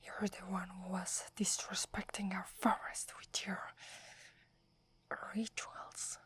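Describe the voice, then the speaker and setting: In an ASMR roleplay, a woman with an Italian accent plays a proud, wary female werewolf guarding a holy forest. Her husky, medium-pitched voice stays level and slow as she whispers accusingly, full of scorn.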